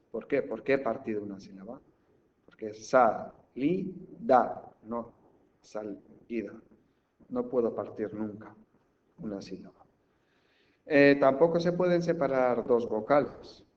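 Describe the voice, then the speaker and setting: A man teaching a language lesson. He breaks words into syllables slowly and keeps checking in with the class. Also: on the low side. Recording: slightly dull recording with faint background hiss.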